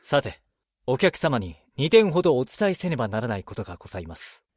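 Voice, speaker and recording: An actor playing a courteous, creepy butler with deferential, measured, formal speech in a drama. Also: male voice, mid-range voice, very animated, a little mellow, dry recording, clean studio sound. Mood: polite. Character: courteous, eerily formal male butler to a young mistress.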